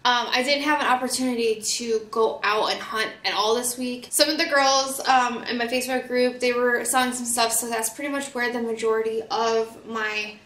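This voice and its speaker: A woman's voice: fairly high pitch, steady tone, moderate pace, hardly any pauses, a bit bright, roomy sound, slight background noise. A woman vlogging a casual shopping haul while getting over a cold, chatty and full of fillers. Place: home studio.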